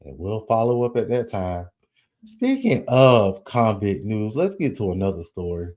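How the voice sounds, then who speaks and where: A man's voice: lowish voice, sing-song, a little slow, darkish tone. A man casually commenting on celebrity news, chatty and folksy, talking straight to his viewers with slang and asides.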